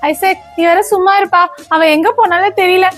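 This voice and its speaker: A woman acting as a stern, fussy stepmother in a comedy sketch, with a very high, piercing voice that scolds and then shrieks in worry. Light music plays faintly behind her. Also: steady tone, normal speed, a bit bright. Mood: frantic. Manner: scolding, then frantic calling out. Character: bossy stepmother, adult woman, stern and fretful.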